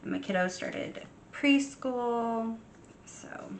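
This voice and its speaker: Slow, gravelly-voiced woman vlogger. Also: a little high, a little hiss or hum. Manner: soft, unhurried, frequent ums. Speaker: journaling vlogger. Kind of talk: casual chat while crafting.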